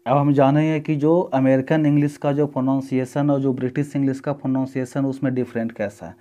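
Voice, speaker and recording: A male English teacher giving a lesson, explaining step by step and repeating example words slowly. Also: mid-range voice, little pitch movement, mellow. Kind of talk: classroom-style lesson.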